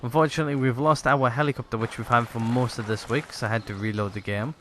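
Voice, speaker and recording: A man's voice: mid-range voice, a little fast, a bit bright, a little hiss or hum. A man rambling through let's play commentary with many fillers, hiccuping and a tired voice. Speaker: gaming YouTuber.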